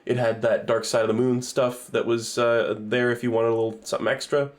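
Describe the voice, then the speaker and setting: A man's voice: medium pitch, level tone, brisk. Male streamer, mid-range voice, loose chatty review style, curses often and backtracks mid-thought. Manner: rambling, sweary, self-correcting. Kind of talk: casual stream commentary.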